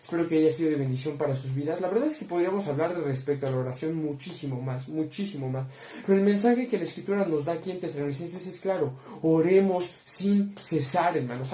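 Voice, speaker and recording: A man's voice: fairly high pitch, dark tone. A young man giving a devotional Bible teaching, earnest, often addressing listeners as brothers. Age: young adult. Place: room with bookshelves behind him. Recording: roomy echo.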